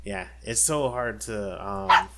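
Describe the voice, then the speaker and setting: A man's voice: on the low side, takes it slowly, very noisy. A man co-hosting a podcast in casual chat, rambling with many fillers and restarts. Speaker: podcast co-host.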